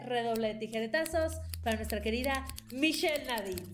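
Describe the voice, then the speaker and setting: A woman's voice: fairly high pitch, fairly quick, heavy background noise. A woman co-hosting a podcast in casual, playful chat. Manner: playful, jokey. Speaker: podcast co-host.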